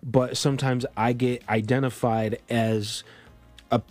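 A man's voice: medium pitch, flat delivery, unhurried, a little mellow, faint music behind. A man born in Colombia co-hosting a podcast, talking politics in a casual, rambling way full of restarts and fillers. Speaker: podcast co-host.

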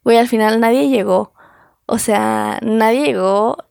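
A woman's voice: a little high, a little slow, gravelly, darkish tone, clean tone, no room sound, studio quality. A young woman with a Mexican Spanish accent talking casually and candidly, full of slang and repeated words. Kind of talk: casual conversation.

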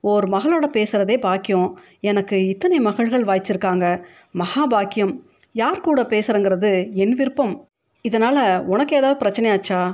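A woman voicing a kindly, teasing older man who speaks calmly and fondly in a read-aloud short story. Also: mid-range voice, normal speed, natural voice. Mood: warm, earnest. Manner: calm, fond and joking.

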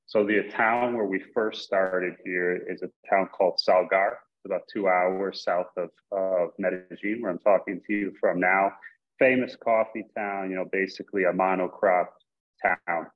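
A man from upstate New York, a guest on a podcast, explaining his business in a measured way over a remote call, leaning on "basically" and "you know". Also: low voice, steady tone, narrow, tinny audio. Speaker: guest, coffee company investor. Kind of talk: casual interview answers.

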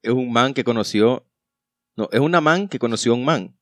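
A man's voice: mid-range voice, normal speed, no echo, clean studio sound. A man, trading crude, goofy jokes and stories in casual podcast chat. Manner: crude, teasing, goofy storyteller. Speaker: podcast co-host.

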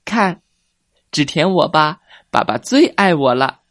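A smug little baby ankylosaur brags in a raised, bouncy, singsong voice, as a man puts him on. The delivery is slow and storybook-like, recorded close and dry. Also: on the high side, very animated, a bit bright, dry recording. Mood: smug bragging. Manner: bragging, singsong. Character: boastful baby ankylosaur, young male, smug.

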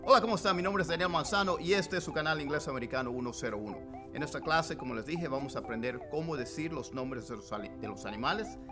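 A man teaching vocabulary as the host of a language lesson, repeating each word slowly and deliberately. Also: a little high, over music. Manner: drawn-out, deliberate word-by-word drilling. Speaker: English teacher. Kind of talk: vocabulary lesson with slow repetition.

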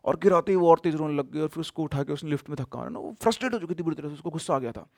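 A man's voice: on the high side, very fast, gravelly, no echo, clean studio sound. Dramatic man telling a horror story. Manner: dramatic, emphatic narration with sudden hushed drops.

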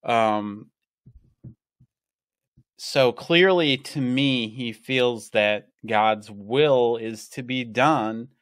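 A man explaining theology in a casual conversation, measured and explanatory. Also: mid-range voice, a bit bright, dry recording.

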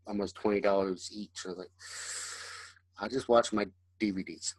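Lowish voiced guy on a podcast, kinda hesitant, trails off a lot, dry sound. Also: steady tone, normal speed, darkish tone, dry recording. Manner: hesitant, trails off, many restarts. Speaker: podcast co-host. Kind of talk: casual chat.

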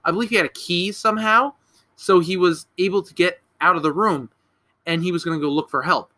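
Bright-voiced man rambling through a movie recap. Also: high-pitched, brisk. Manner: rambling, swearing, self-correcting storyteller. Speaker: podcast co-host.

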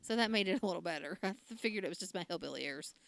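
A woman's voice: lowish voice, expressive, rapid-fire, creaky, fairly bright tone, no echo. A woman, casually recapping a TV drama episode and laughing often. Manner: chatty, laughs often, acts out quotes. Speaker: podcast co-host recapping a TV drama. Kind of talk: casual chat.

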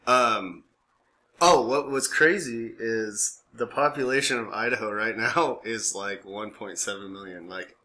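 An American man co-hosts a podcast, bantering casually, rambling and joking as he cuts himself off. His voice is fairly low, unhurried, pushed and bright. It's recorded in a small room for a podcast and live stream, with clearly noisy background.

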